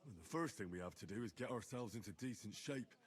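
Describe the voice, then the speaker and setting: Actor voicing calm practical young squire, lively intonation, game voice. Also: male voice, on the low side, fast talker, close to an everyday voice. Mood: earnest. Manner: calm, reasoning. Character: steady, practical young man, a humble squire. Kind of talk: game voice acting.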